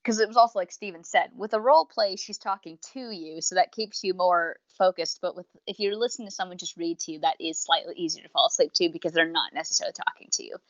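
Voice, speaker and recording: A woman with a lowish voice co-hosts a podcast, talking fast with few pauses. She chats casually in a review, explaining her opinions in long, wordy, unscripted sentences. The lo-fi microphone makes the sound slightly dull.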